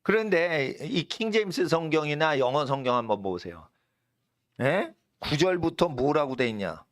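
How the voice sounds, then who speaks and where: A male pastor preaching a sermon, hammering home points with sharp high shouts, then dropping low to explain. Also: lively intonation, moderate pace, no echo, clean studio sound. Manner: drops to a low, quiet explaining tone between outbursts. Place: church.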